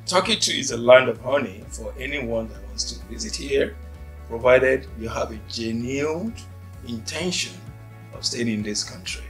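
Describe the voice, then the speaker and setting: A Nigerian man in his forties, a native Yoruba speaker, recounts his life story in an interview, pausing thoughtfully and never rushing. His voice is mid-range with a fairly bright tone. Faint music plays in the background.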